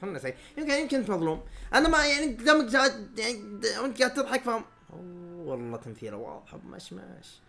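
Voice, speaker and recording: Saudi male fan-streamer, excitable reaction commentary, high and lively, rapid delivery. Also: creaky. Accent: Saudi Arabic. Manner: excitable, shouts at players and referee, frequent laughter. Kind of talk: live match reaction commentary.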